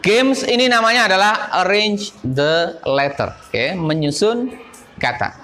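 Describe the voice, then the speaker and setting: A man teaching a school class, leading it through word games and lively call-and-response chants. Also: sits high, measured pace, a little hiss or hum.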